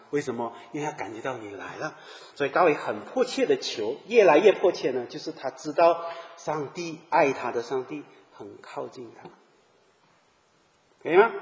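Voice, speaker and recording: A male preacher delivering a lively sermon, turning to his listeners with questions and slipping into little acted scenes. His mid-pitched voice rings out with a long reverb, as if filling a large church hall. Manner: animated, asks the listeners questions and acts out little quoted scenes.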